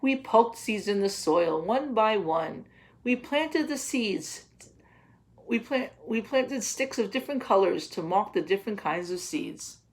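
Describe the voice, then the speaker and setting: This thirtyish woman teaches young children by reading them a picture book, her mid-range voice animated but the audio quality poor. She talks gently, pausing for questions and plain-language explanations of words, positioned near a webcam in a small home office.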